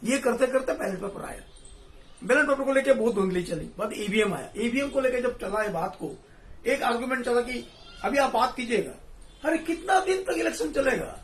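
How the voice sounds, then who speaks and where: A man talking in a casual political discussion, animated and laughing, mixing in English phrases. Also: very high-pitched, fairly quick, slight background noise. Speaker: discussion panelist. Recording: echoey room, distant mic.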